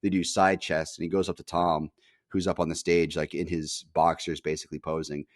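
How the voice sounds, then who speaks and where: A man's voice: low voice, flat delivery, brisk, no echo, studio quality. A young man hosting a podcast, telling a rambling story in casual chat, full of fillers and casual swearing. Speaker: podcast host.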